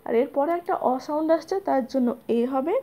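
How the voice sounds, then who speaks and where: A woman teaching a spelling lesson, spelling out letters one by one in a slow, methodical way. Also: high-pitched, warm tone.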